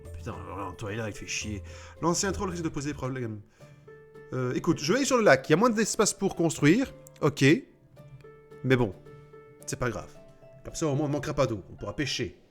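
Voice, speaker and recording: A man's voice: mid-range voice, sing-song, brisk, pauses often, faint music behind. A man hosting a let's play, giving casual gaming commentary, sarcastic and joking, swearing and mocking the game text he reads out.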